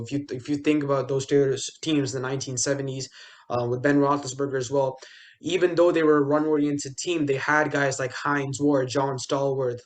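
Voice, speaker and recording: A young man co-hosting a casual sports podcast, talking loosely with lots of fillers, restarts and jokey asides. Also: medium pitch. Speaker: podcast co-host.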